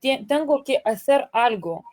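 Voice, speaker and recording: Woman, careful halting delivery, mellow higher voice, dry close sound. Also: animated, no echo. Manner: careful, halting Spanish with self-corrections. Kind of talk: casual class discussion.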